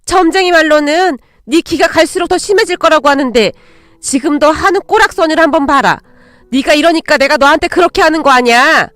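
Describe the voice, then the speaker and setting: A woman doing a shrill, screaming cruel mother. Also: brisk, no echo, clean studio sound. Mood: scornful. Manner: shouting, shrill, accusing. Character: cruel, superstitious, shrieking middle-aged mother.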